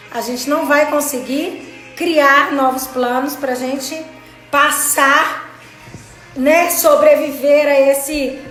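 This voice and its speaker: A Brazilian woman hosting a casual live stream, greeting viewers by name and chatting in a home craft studio. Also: high voice. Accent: Brazilian Portuguese. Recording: roomy studio with background music.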